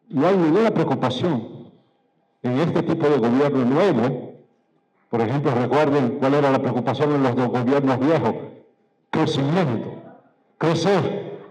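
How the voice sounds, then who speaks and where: A man giving a political speech to party members, measured and emphatic, posing rhetorical questions and repeating key phrases. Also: medium pitch, mellow, low-quality recording. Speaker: political speaker.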